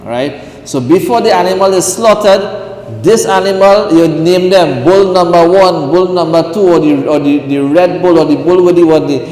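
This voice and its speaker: A man's voice: fairly high pitch, moderate pace, darkish tone. A man, a mufti, teaching Islamic law in a lecture class, who keeps checking his listeners with "right?" and "what?". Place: mosque hall. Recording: roomy hall echo, faint hiss.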